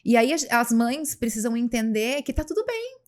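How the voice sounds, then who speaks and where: Brazilian lady host, chatty podcast interviewer, highish voice. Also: big pitch swings, moderate pace. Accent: Brazilian Portuguese. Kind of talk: casual interview.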